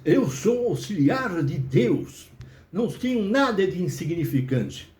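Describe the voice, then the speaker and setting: A man's voice: sits high, sing-song, a little slow, darkish tone. A man voicing a small fire-puffing dragon, a cocky helper who talks in a brash, know-it-all way. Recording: roomy echo.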